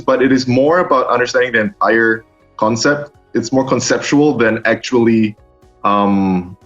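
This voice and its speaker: A young man from Singapore, a master's student, answering interview questions in a halting way full of ums and restarts. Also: medium pitch, fairly bright tone. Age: young adult. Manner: hesitant, many ums and restarts. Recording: dull lo-fi sound with faint music.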